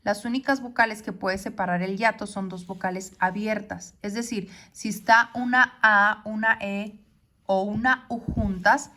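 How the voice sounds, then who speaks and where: A woman teaching a poetry lesson. She explains step by step and often checks with a quick question. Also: mid-range voice, steady tone, bright, forceful tone.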